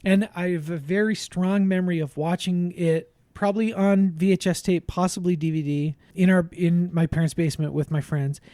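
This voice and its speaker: A man in his thirties co-hosting a podcast, telling stories in casual chat, animated and laughing often. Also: sits high, normal speed, hardly any pauses, dry recording. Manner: animated storyteller, laughs often, shouts when quoting himself. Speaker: podcast co-host.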